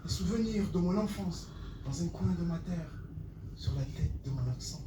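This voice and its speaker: A man in a fairly high voice performing slam poetry in a small theatre, his rhythmic lines now and then slipping into half-song. He is picked up from across an echoing room, with steady background noise under him. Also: normal speed. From Comoros. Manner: rhythmic declaiming, half-sung refrains, rising to shouts. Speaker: slam poet. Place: small Paris theatre with live audience. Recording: roomy, distant, noisy live room.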